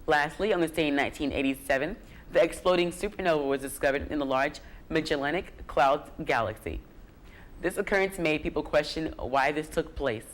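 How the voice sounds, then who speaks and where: A man's voice: a little high, fairly quick, a bit bright, rough recording. A young man hosting a student news history segment, reading in an upbeat, casual way.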